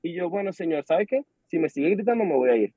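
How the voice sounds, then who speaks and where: A young Venezuelan man with a Venezuelan accent, chatting as a podcast guest and telling an animated story while acting out the dialogue. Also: high-pitched, fast talker, breathy edge, no room sound. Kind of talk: casual chat. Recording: dull lo-fi sound.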